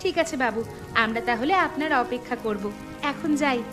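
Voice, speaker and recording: A woman's voice: fairly high pitch, moderate pace, over music, lightly acted. A woman voicing an earnest, caring young village woman in a cartoon, with a respectful manner. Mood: caring, polite. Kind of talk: cartoon voice acting.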